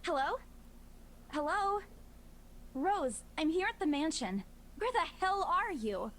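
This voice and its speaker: A high, anxious young woman. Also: big pitch swings, slow pace, noisy background, exaggerated voice. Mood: frustrated. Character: anxious young female real estate agent. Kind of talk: visual novel voice acting.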